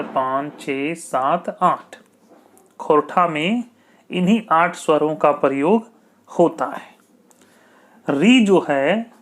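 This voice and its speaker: A man teaching an exam-prep grammar lesson, repeating key points and asking checking questions. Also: fairly high pitch. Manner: slow, repetitive, asks checking questions.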